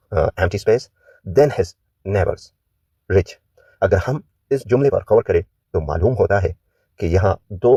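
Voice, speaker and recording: A man teaching English grammar, explaining each rule step by step in formal language and reading the English example sentences slowly and deliberately. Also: deep voice, mellow, husky, dry recording. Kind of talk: grammar lesson. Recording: dull, muffled lo-fi sound.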